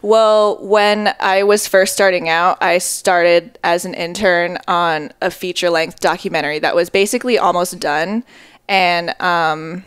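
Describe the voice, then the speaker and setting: A film editor in her twenties, born in Japan and raised in Connecticut, China and Hawaii, gives a laid-back podcast interview on a headset mic in a small indoor dining room. She fills her speech with "like" and "um" and cracks dry jokes. Her voice is fairly low with fairly even intonation, measured, a bit bright and smooth, with no room sound.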